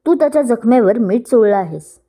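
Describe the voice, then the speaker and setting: A woman's voice: a little high, animated, brisk, mellow, voice pushed up. A woman voicing a hurt young bride in a storybook reading, speaking in an emotional, pleading voice.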